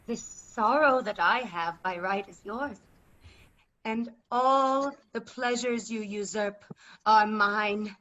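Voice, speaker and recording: A woman as a very slow, bitter old deposed queen. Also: mid-range voice, fairly bright tone. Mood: scornful fury. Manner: declamatory, scornful, slow and deliberate. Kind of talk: classical verse stage acting. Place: remote video-call staged reading. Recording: dull video-call audio.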